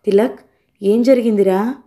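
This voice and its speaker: A woman's voice: mid-range voice, unhurried, mellow, close to an everyday voice. A woman doing an anxious old grandmother. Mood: pleading. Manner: pleading, distressed. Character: anxious elderly grandmother, pleading and tearful.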